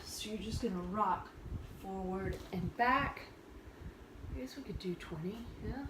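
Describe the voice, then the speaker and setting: A woman's voice: medium pitch, a little slow. A woman leading a workout as a fitness instructor, explaining moves and counting reps informally, often thinking aloud. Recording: roomy, far from mic, noisy.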